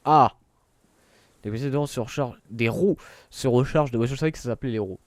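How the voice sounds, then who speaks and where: A man's voice: mid-range voice, quick pace, a little mellow, no room sound. A man streaming a video game, chatting casually and reading menus and game text aloud, with self-mocking asides. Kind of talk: casual gameplay commentary.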